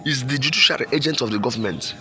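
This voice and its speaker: Bright-voiced Nigerian man, emphatic political commentary. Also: mid-range voice, fast talker, a little hiss or hum. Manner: emphatic, repeating phrases and rhetorical questions.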